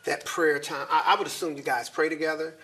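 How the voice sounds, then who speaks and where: A man with a high voice hosts a faith talk show. His tone is bright and ringing. He talks in an animated, preacherly, encouraging way. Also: fairly quick. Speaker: host.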